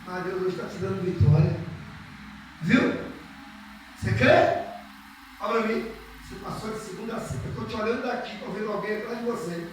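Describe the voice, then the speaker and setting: A man with a Brazilian Portuguese accent preaching a sermon, moving between loud, drawn-out scripture reading and soft, close talk to listeners, leading the congregation in call-and-repeat prayer. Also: high voice. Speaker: pastor. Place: church hall. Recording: echoey hall, distant mic, background noise.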